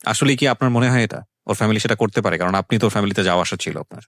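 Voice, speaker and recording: Rapid-fire and emphatic, a radio show host with a low-leaning, slightly bright voice interviews a guest in a radio studio, with clean sound and no echo. Speaking Bengali with a Bangladeshi accent and weaving in English phrases, he repeats phrases for stress and offers reflective social commentary during the conversation.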